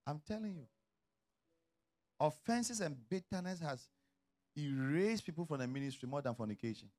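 A middle-aged man preaching a sermon as a pastor, swinging from quiet, low asides to loud shouted calls. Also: lively intonation, normal speed.

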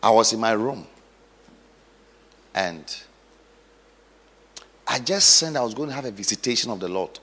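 A male pastor preaching dramatically, moving from hushed storytelling to loud exhortation. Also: medium pitch, animated, moderate pace, pauses often, slightly rough. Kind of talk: sermon. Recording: long hall reverb.

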